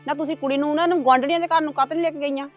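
A fussing mother in a family drama who comforts and scolds her widowed daughter in turn, played by a woman. She talks fast in a fairly high voice. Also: steady tone, loud music behind the voice, close to an everyday voice. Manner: soothing, scolding.

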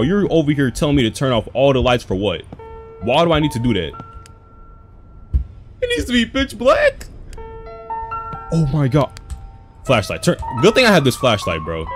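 A young man giving casual, slangy commentary as a scared horror game streamer, jumpy and exclamatory. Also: fairly high pitch. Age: young adult. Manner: slangy, says "bro" constantly. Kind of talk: casual reactive gameplay commentary. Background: game music and sound.

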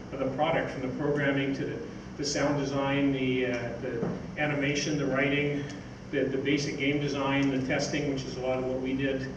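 An older man, a magazine editor, gives an informal live talk from notes on an indoor theatre stage, his voice medium in pitch. He speaks into a stage mic on a stand, but a distant camera picks him up, so the recording is roomy, echoey and noisy.

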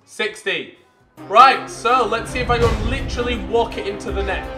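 A young man giving excited, casual gameplay commentary with animated, jokey banter and exclamations. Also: sits high, normal speed. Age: young adult. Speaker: gaming video host. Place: bedroom, indoors. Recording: echoey room, music behind. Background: music.

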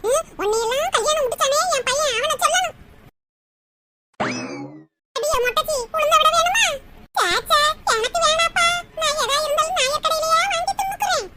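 A woman voicing a shrill scolding mother-in-law. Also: a little fast, distant mic, music in the background. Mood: furious scolding. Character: scolding middle-aged village mother-in-law. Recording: loud background noise.

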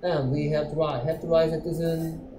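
A man teaching an English lesson to middle school students. He keeps checking that the class is following, and he reads the English sentences out slowly. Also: a little high, level tone, roomy sound, noisy background. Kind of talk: classroom lecture.

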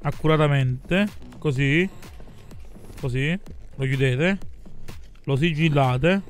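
High-voiced southern Italian male streamer. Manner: foul-mouthed, exclamatory. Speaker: live streamer. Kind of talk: casual gaming stream commentary with chat greetings. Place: small room at home. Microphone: close studio mic on boom arm.

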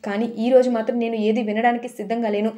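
A woman's voice: on the high side, little pitch movement, quick pace, warm tone, natural voice. A woman voicing a stubborn, angry little boy who insists on being answered, in a storybook retelling. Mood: stubborn, defiant. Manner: insistent, defiant.

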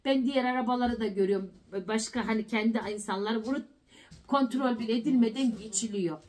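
High-voiced middle-aged woman telling a story. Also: quick pace. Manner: animated, repeats words for emphasis. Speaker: family vlogger. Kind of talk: casual storytelling vlog.

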